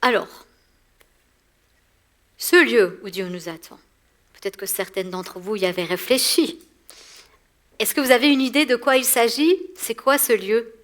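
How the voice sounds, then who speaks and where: A woman from Iran in her forties preaching a sermon in a church to a women's gathering, animated, laughing often and repeating words as she goes. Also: on the high side, measured pace, long pauses. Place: church hall.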